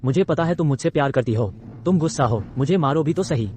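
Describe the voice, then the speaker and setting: An actor playing an arrogant ex-lover turned thug boss in a dubbed drama, sneering and menacing. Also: male voice, a little high, animated, fast, darkish tone, a little hiss or hum, lightly acted. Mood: pleading. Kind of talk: Hindi drama dub. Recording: music bed under dialogue.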